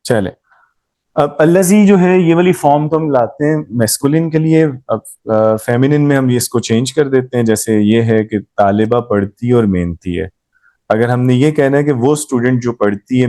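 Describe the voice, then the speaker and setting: A man's voice: mid-range voice, normal speed, mellow. A man teaching a grammar class, explaining patiently and quizzing his students as he goes. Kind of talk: live class lesson.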